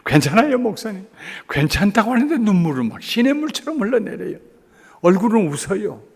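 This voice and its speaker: A man in his seventies preaching a revival sermon in a church, telling a story, shifting between hushed asides and rising emphatic appeals. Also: high-pitched, big pitch swings, brisk, gravelly, husky. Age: 70s. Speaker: guest revival preacher, pastor. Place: church sanctuary, evening service. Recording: long church reverb.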